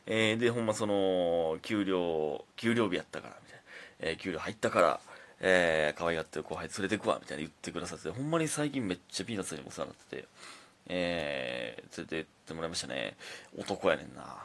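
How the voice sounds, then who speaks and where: Laid-back Kansai man, lively low voice. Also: fairly quick, creaky. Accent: Kansai Japanese. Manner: laid-back, rambling storytelling. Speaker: comedian podcast host. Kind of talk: casual solo talk show.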